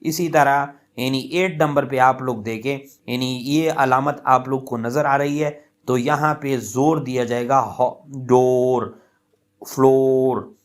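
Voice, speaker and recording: A man's voice: medium pitch, steady tone, a little slow, hardly any pauses. A man teaching a lecture on English pronunciation, explaining patiently with many fillers, repeating points and stretching out example words.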